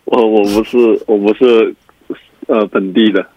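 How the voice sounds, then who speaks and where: A man's voice: on the low side, steady tone, a little slow, warm tone, a little hiss or hum. Man with Cantonese-tinged Mandarin on the phone. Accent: Cantonese-influenced southern Mandarin. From Shenzhen, China. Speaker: phone-in quiz partner. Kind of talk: casual phone chat. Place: at home, on a phone call. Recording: muffled, band-limited phone line.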